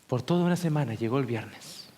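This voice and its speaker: A male preacher giving a seminar sermon. He speaks with emotion, asks listeners direct questions and sinks into slow, hushed whispers for emphasis. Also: mid-range voice, expressive.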